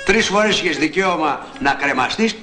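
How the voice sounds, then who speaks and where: An actor playing a wisecracking, chummy friend in an 1980s film comedy, teasing in a mocking way. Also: male voice, on the high side, animated, close to an everyday voice. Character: wisecracking pal, teasing and curious. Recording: echoey old film soundtrack with guitar.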